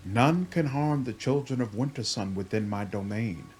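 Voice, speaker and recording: A man voicing a calm, commanding female guardian spirit from a fantasy game. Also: medium pitch, moderate pace, faint music behind, close to an everyday voice. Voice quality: soft, stirring.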